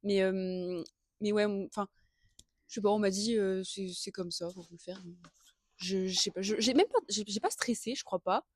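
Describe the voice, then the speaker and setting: A young woman chats casually as a podcast co-host. She rambles through personal stories with lots of slang and a giggly, informal manner. Her mid-pitched voice is recorded dry, with little room sound. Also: moderate pace, no room sound. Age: early 20s. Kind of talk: casual chat, personal storytelling.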